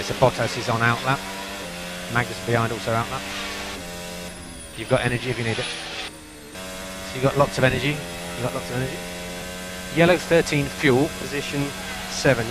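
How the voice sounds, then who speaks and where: A man's voice: medium pitch, heavy background noise. A man working as a race engineer, giving concise, repeated instructions over race car team radio. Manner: concise, repeats key calls.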